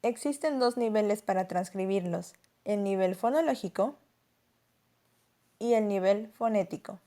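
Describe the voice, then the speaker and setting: Mellow-voiced woman teaching a lesson. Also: medium pitch, measured pace. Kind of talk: scripted lesson narration.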